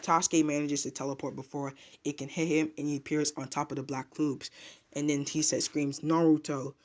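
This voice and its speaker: A man's voice: a little high, flat delivery, a little fast. A man casually retelling a manga chapter as a reviewer, rambling with filler words and restarts.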